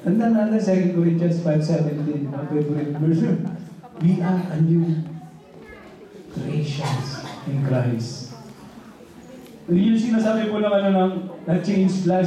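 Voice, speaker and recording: A man preaches a loose, conversational sermon, tossing rhetorical questions at the congregation. His voice sits high but sounds dark and mellow. It rings through a very echoey church hall and is picked up from well back from the mic. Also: recorded from a distance. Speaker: pastor.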